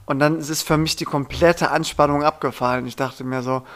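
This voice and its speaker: Gravelly young man, laid-back chat. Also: a little high, fairly quick. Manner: relaxed, hesitant, many fillers and restarts. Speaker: podcast co-host. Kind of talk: casual chat.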